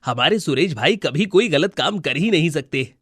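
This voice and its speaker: A man's voice: on the high side, animated, moderate pace, a bit bright, husky, dry recording, studio quality. A man voicing a kindly villager who reassures a tearful neighbour in a storybook tale, in a soothing manner. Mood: reassuring.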